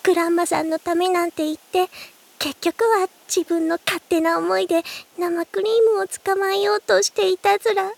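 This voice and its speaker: Timid high-pitched girl Hanamaru. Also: flat delivery, moderate pace, creaky. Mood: remorseful. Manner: rustic verbal tic at line ends. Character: sweet timid teenage girl, says "zura". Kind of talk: anime radio drama acting.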